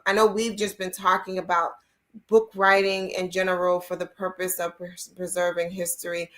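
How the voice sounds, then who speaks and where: A woman hosting an interview, speaking in a relaxed, thoughtful way with frequent "um" pauses. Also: fairly low pitch. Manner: many "um" fillers, slow and thoughtful. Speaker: host of an online school network talk.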